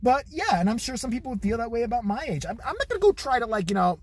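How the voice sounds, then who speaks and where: A husky man in his forties rants in a profane, rambling way, and his pitch leaps all over the place. He laughs at his own jokes as he goes. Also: sing-song, very fast. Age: 40s. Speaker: vlogger. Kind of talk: comedic rant.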